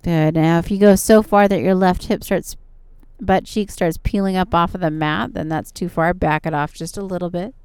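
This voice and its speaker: A woman's voice: fairly low pitch, fairly even intonation, moderate pace, a little mellow, clean tone, no room sound. A woman yoga instructor leading guided stretching and relaxation in a soothing, encouraging manner. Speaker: yoga instructor and show host.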